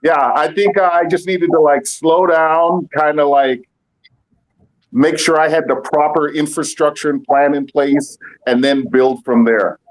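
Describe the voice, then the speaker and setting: A man answers as a guest in a casual panel discussion over a video call. He speaks slowly and plainly, with a relaxed manner. His voice sits somewhat high for a man. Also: low-quality recording.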